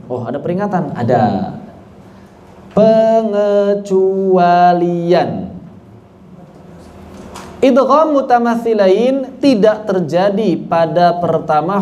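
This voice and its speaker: A man with an Indonesian accent teaching a tajwid lesson online, asking questions and answering them himself, chanting Quran examples slowly and adding chatty asides. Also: a little high, warm tone, a little hiss or hum. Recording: echoey room with faint ambience.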